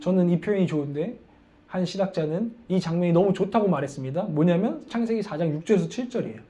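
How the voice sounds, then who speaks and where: High-voiced male preacher, conversational. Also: animated, fast, dark tone. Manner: conversational, asks the congregation questions. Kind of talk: sermon.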